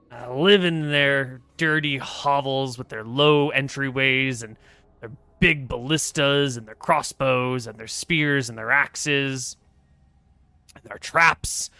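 A man's voice: medium pitch, sharp tone, clear, resonant tone, no echo. A man playing a gossipy trader who sneers at dwarves. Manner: folksy, gossipy, scornful rambling. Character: chatty male trader who scorns dwarves.

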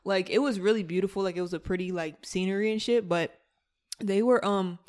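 A woman with a mid-pitched voice hosts a casual podcast. She talks informally to her co-host and listeners, leaning on slang and swearing freely. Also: a little fast, a little mellow. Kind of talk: casual chat.

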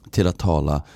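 A man's voice: on the low side, gravelly, mellow, husky, dry recording. A man co-hosting a podcast in casual conversation, talking earnestly and reflectively with many restarts. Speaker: podcast co-host.

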